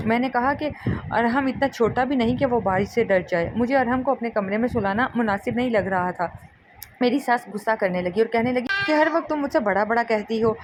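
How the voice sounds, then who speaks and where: A fairly high-voiced woman tells a first-person story in a dramatic, emotional way. A steady hiss of background noise sits under her narration.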